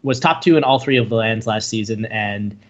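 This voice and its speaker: A man's voice: fairly low pitch, brisk. Young guy rambling about esports, lots of uhs, muffled lo-fi audio. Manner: rambling, many "uh"s and restarts. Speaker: podcast co-host. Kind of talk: casual esports chat. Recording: dull lo-fi podcast audio.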